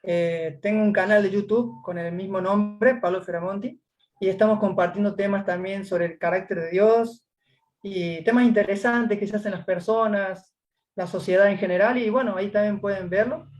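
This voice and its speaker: A man from Córdoba with an Argentine Spanish accent tells his story as a guest in a casual interview, hesitating and using many fillers. His voice sits high and is a little mellow, with a steady tone and moderate pace.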